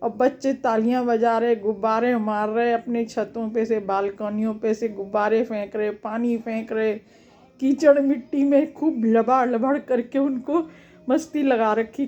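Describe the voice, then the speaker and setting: A woman's voice: on the high side, fairly even intonation, a little slow, mellow, dull audio. A woman telling a personal family memory in a homely storytelling way, acting out the quotes of her relatives.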